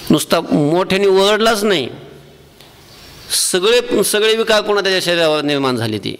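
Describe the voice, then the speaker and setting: A man giving a devotional sermon as a preacher, asking the listeners questions and answering them himself, and slowing down to chant verses. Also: high-pitched, lively intonation, a bit bright, long reverb tail, slight background noise. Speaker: Varkari preacher.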